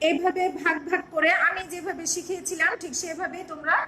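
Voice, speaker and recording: A Bangladeshi woman teaching an online class, explaining step by step and slowly spelling words out. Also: extremely high pitch, fairly even intonation, sharp tone, slight background noise, low-quality recording.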